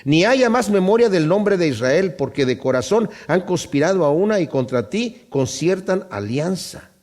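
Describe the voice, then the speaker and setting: A man preaching a Bible-study sermon, speaking emphatically to his congregation and slowing down to read scripture aloud. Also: high voice, sing-song, darkish tone. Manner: addresses the congregation directly.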